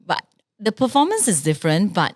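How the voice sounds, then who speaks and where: A young adult woman co-hosting a podcast in casual chat, reflective and quick to murmur agreement. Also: on the low side, wildly swooping pitch, dry recording, clean studio sound. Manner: reflective, backchannels often with soft agreement. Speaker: podcast co-host, singer.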